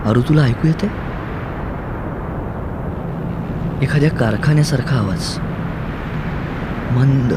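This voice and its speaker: Casting: a coaxing young woman guide, lively pitch, raised voice, played by a male storyteller, loud traffic rumble behind. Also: lightly acted. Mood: excited. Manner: coaxing, patient teaching tone. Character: young woman, calm then excited guide.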